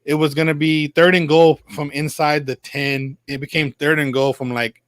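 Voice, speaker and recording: Bright, dry-voiced man talking sports. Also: a little high, little pitch movement, normal speed, no echo. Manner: rambling, self-correcting, emphatic opinions. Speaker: sports talk show regular. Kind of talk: casual sports chat.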